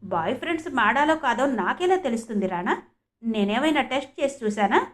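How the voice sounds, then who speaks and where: A woman voicing a sharp-tongued young student who answers back defiantly and firmly. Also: a little high, lively intonation, fairly quick, close to an everyday voice. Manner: cutting, defiant, retorting. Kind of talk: audiobook character reading.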